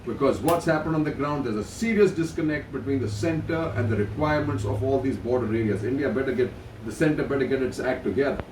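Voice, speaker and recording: A man's voice: mid-range voice, fast talker, few pauses, a little mellow, distant mic, a little hiss or hum. A middle-aged man reading news headlines and adding blunt opinions in casual commentary, with hesitant restarts between items. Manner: reads headlines then adds blunt asides. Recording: echoey room, voice off-mic, faint ambience.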